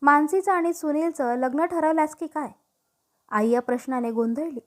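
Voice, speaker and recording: A woman narrating a written story in a steady, even reading voice. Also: high voice, moderate pace.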